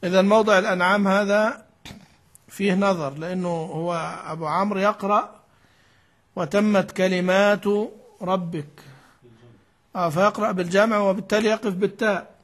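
A sheikh with a high, slightly bright voice explains the rules of Quran recitation in a classical Arabic lesson commentary. He is patient, repeats key words, and poses questions he then answers himself.

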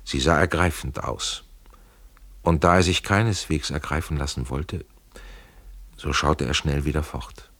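A man's voice: rumbling low, a little slow, long pauses, a bit bright, no echo. A man narrating an audiobook in a dramatic, vivid storytelling manner, close to a studio mic.

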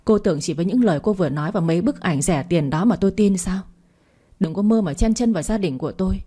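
A woman's voice: mid-range voice, fast, dark tone, husky, close to an everyday voice. A woman voicing a wronged older wife who speaks angrily and commandingly in a storybook reading. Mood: furious. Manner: angry, commanding.

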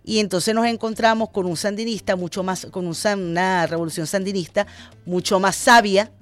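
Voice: mid-range voice, steady tone, normal speed, faint music behind. A radio host with a Venezuelan accent giving impassioned political commentary, repeating phrases for emphasis.

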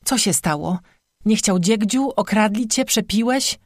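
An eager young peasant wife spills out her worries and her news in a quick, chattering rush, as the audiobook reader puts her on. She sits at a middling pitch, and the recording is dry and close with no room sound around her. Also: dry recording, lightly acted. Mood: anxious.

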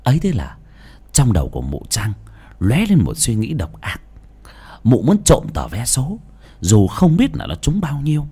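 A man narrating a dramatic audio story with sweeping, expressive delivery. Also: medium pitch, normal speed, slightly rough.

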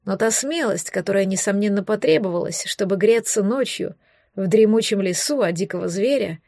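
A woman's voice: medium pitch, normal speed, creaky, darkish tone, no echo. A woman voicing a mysterious sardonic man in an audiobook, speaking in a dry, musing, condescending way. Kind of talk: audiobook reading.

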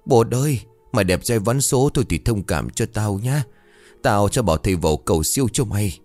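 A man's voice: low-pitched, animated, a little fast, a little mellow, faint music behind. A man voicing a cocky, clumsy young male driver with a brash manner. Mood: wailing.

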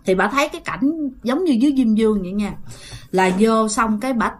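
A woman's voice: fairly high pitch, animated, fairly quick. A woman with a Southern Vietnamese accent telling a ghost story in a chatty way, often addressing her listeners.

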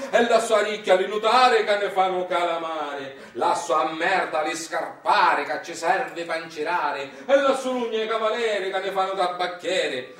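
Here the high, slightly bright voice of a stage actor takes on a mocking chant as he plays an anguished, bitter countryside Sicilian father, Sicilian accent intact. His monologue is declaimed and chanted with emphatic, incantatory, repetitive phrasing, recorded from a distance in a roomy space with music.

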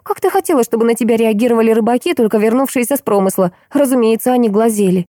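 A woman voicing a calm, gently teasing seventeen-year-old girl. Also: on the high side, quick pace, dry recording, studio quality, pitched above the performer's own voice, close to an everyday voice. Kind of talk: audiobook character voice.

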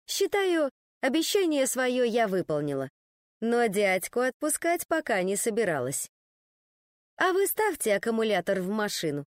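A woman reading an audiobook with sardonic irony, her pitch a bit high and very animated. The recording is close and dry. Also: no echo. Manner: ironic, sardonic. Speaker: narrator. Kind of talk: audiobook narration.

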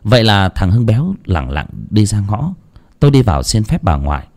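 A man hosts a story channel and narrates a village ghost tale. His voice sits low but moves with a lively rise and fall, and he often pauses with filler sounds. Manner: hesitant, many fillers in the intro. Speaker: story channel host and reader.

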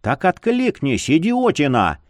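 A man voicing the ghost of a brash young man who taunts his friend in a higher, slowed voice. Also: huge pitch swings, dry recording. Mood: yelling. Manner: taunting, drawn-out, higher than the narration.

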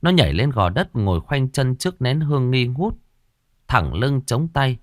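A man narrating a ghost story in the first person, with lively storytelling. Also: mid-range voice, normal speed, no echo, clean studio sound.

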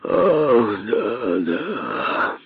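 A man voicing a great python king who is cold, scornful and menacing, speaking slowly and with contempt in an audiobook. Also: mid-range voice, sing-song, husky, dry recording, phone-quality sound, full character voice. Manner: slow, contemptuous, threatening.

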